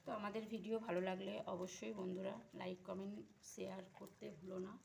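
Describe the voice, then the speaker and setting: A middle-aged woman in a home kitchen chats casually. Her voice is gravelly and a little hoarse from a fever, and she stops and starts with plenty of fillers. Faint noise sits behind her. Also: mid-range voice, little pitch movement, a little mellow. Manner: chatty, halting with many fillers. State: slightly feverish, throat going hoarse. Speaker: vlogger. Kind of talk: casual home vlog chat.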